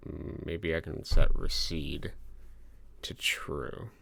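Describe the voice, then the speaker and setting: A man live-streams himself programming a game, thinking aloud as he walks through the code step by step and makes self-mocking asides to his chat. His soothing low voice is flat, slow, creaky, bright and forceful, with keyboard typing and clicks behind him.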